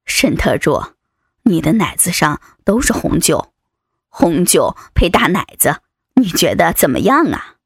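A lecherous male vice president with a low, sliding voice and a mocking, teasing tone, as a woman puts him on. He sounds husky and breathy, and the sound is dry and close. It comes from an adult audio story. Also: sing-song, a little slow, dry recording, exaggerated voice. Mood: leering. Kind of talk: erotic audio story reading.

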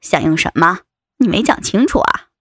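Woman voicing a leering male boss, low husky voice, lively teasing swoops, dry close sound, audio story. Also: moderate pace, no room sound. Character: lecherous leering male company vice president. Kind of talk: erotic audio story reading.

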